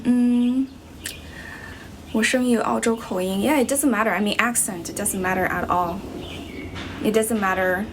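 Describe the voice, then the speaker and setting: With a little hiss or hum in the audio, a young Chinese woman from Guizhou province chats casually with viewers while teaching English on a livestream. Her mid-range voice has a Chinese accent tinged slightly American, and she keeps it relaxed and chatty, sprinkling in plenty of "you know" and "um."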